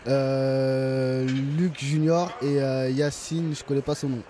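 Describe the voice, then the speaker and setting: A young male student answers a street interview hesitantly, with many pauses, outdoors with a handheld mic. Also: mid-range voice, flat delivery, mellow, recorded from a distance. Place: outdoors on a city campus.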